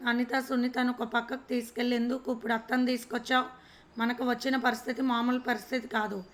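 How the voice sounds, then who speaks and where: A woman voicing a scolding elder sister in a flat, fairly high voice. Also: fast talker, lightly acted.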